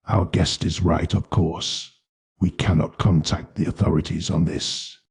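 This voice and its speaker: A man voicing a thoughtful male hotel owner with a soft voice and measured delivery. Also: low voice, steady tone, gravelly, husky, exaggerated voice.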